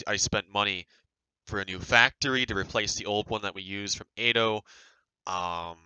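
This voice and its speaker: A man's voice: fairly low pitch, sharp tone, clean tone, dry recording, poor audio. A man giving casual, rambling, defensive commentary as a game developer reacting to a review.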